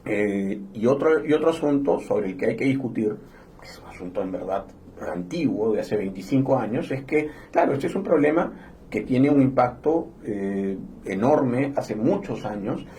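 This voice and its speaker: A man from Honduras talks as a podcast guest, laying out his points in a measured, explanatory way with the odd hesitation. His voice is mellow and dark in tone. A faint hiss sits behind him. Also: mid-range voice, animated. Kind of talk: conversational panel discussion.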